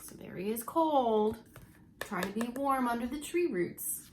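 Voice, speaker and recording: Reading a story aloud like a preschool teacher, a woman uses a higher-pitched, animated voice at a slightly slow pace. She adds dramatic emphasis and speaks asides to her young listeners in this expressive storytime, with some background noise present.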